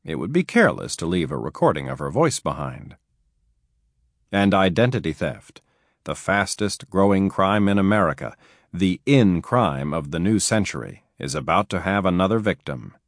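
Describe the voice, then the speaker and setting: A man reading nonfiction aloud as an audiobook narrator, telling cautionary stories in an emphatic, expressive way. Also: sits low, normal speed, dry recording, studio quality.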